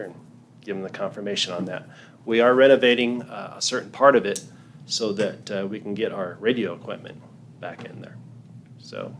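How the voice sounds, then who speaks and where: A man's voice: low voice, background noise. A man representing a wireless company at a city council public hearing, speaking hesitantly with many ums and restarts.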